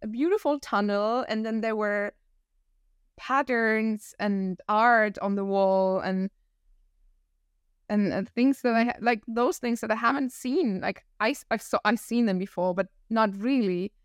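A woman in her thirties with a northern German accent, talking as a podcast guest. She tells her story in a reflective, animated way and laughs often. Her voice is smooth and clear, recorded dry and close. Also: on the high side, unhurried, no echo. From northern Germany, near Hamburg. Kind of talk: casual interview conversation.

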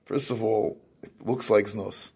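A man's voice: lowish voice, fairly even intonation, a little slow, gravelly, darkish tone, slightly rough. A man teaching a scripture class, explaining verses at length and often restarting his phrases. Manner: explains in English with Hebrew terms, restarts often. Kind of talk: lecturing on scripture.

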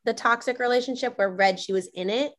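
A woman's voice: fairly high pitch, brisk, fairly bright tone. Woman chatting casually as podcast guest. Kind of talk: casual fan chat. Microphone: video call.

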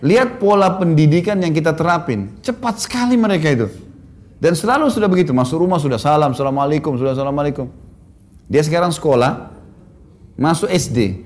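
A man preaching to a congregation, telling anecdotes about his children in a warm storytelling way and often chuckling at his own stories. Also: on the high side, animated, a little fast.

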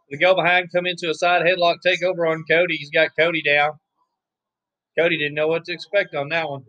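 A man with a drawl, his voice hoarse, calling a wrestling match in a relaxed, chatty way full of offhand asides. His voice sits a little high, and the recording is dry and close. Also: no room sound, low-quality recording. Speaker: wrestling watch-along commentator. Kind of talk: casual play-by-play commentary.

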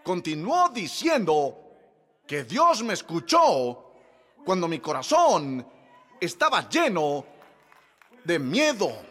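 A man preaching a sermon in a church, joking and conversational, swinging from soft asides to shouted peaks. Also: high voice, huge pitch swings, takes it slowly, pauses often. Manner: jokey and conversational. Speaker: pastor.

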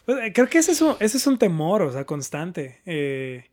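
A man in casual conversation, talking in a careful, measured way with some hesitations. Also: sits high, sing-song, darkish tone. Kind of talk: casual chat.

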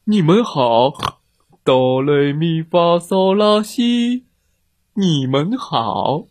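A jolly, easygoing storybook pig, as a man puts it on, drawing words out slowly in a sing-song lilt. The voice is a little husky and rolls up and down. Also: a little high, expressive, a little mellow, dry recording, voice pushed up. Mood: cheerful.

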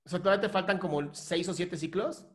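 Blunt advice host on a video call, direct questions, mid-pitched voice. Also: quick pace. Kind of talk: online advice show.

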